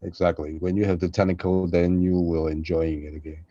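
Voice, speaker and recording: Low-pitched and mellow, with a level tone and a fairly quick pace, this podcast co-host and voice performer, whose first language isn't English, keeps the casual chat jovial and encouraging. The lo-fi sound has no echo.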